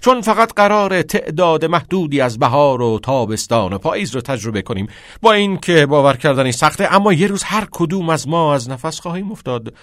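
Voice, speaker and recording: A man's voice: high voice, expressive, fairly bright tone, dry recording, clean studio sound, pitched above the performer's own voice. A man voicing a passionate middle-aged male teacher who urges and exclaims like a preacher. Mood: fervent.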